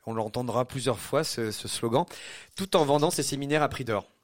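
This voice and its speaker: Guy doing the movie bit on the radio, chatty, lots of euh and bah, mid pitch. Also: normal speed. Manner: chatty, filler-heavy, laughs easily. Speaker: film critic on radio. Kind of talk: casual radio film review.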